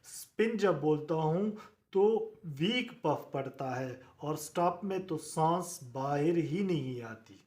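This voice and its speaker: Male teacher, slightly high voice, unhurried lecturing style. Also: animated, a little mellow. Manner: slow, deliberate explaining with repeated examples. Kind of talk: phonetics lecture.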